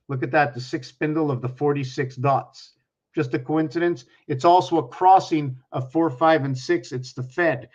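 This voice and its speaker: A man in his sixties giving a rambling explanatory monologue, working through sums aloud, pointing at objects and putting questions to the viewer. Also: fairly high pitch. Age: 60s. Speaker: numerology speaker. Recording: dull lo-fi recording.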